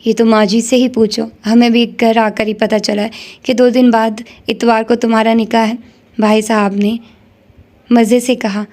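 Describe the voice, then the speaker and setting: A woman's voice: on the high side, flat delivery, darkish tone, close to an everyday voice. Woman reading as an easygoing older brother. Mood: amused. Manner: light, amused.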